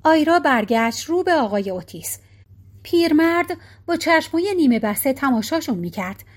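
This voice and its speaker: A woman reading a novel aloud as audiobook narrator, in a calm, even storytelling manner. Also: high-pitched.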